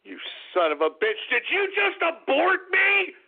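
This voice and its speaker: A radio host whose voice has been pitched up into a chipmunk voice, ranting and swearing in exasperation. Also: male voice, wildly swooping pitch, a little slow. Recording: tinny phone-like radio sound.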